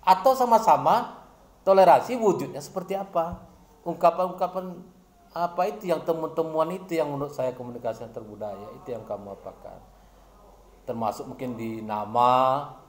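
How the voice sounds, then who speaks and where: A man's voice: fairly high pitch, moderate pace, reverberant, a little hiss or hum. A man acting as an academic supervisor, questioning a student about her research in long, rambling, searching questions with many restarts. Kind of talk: probing academic discussion.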